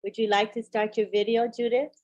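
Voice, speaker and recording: A woman moderating a webinar, briskly and in a friendly way introducing each speaker. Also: fairly high pitch, little pitch movement, a little mellow, muffled recording.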